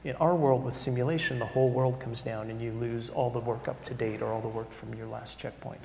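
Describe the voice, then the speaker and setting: Man, middle-aged, gravelly, conference panelist, emphatic, echoey hall. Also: mid-range voice, steady tone, a little fast, a little mellow. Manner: conversational, emphatic, tags points with "right?". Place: large conference hall stage. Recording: echoey hall with faint room noise.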